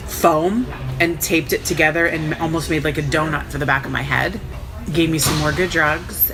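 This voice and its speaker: Casting: woman with a low voice, frank and sardonic storyteller, sore and recovering post-op, music underneath. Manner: frank, wry, sarcastic. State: sore and recovering a day after surgery. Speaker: vlogger recounting own surgery. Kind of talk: casual first-person storytelling.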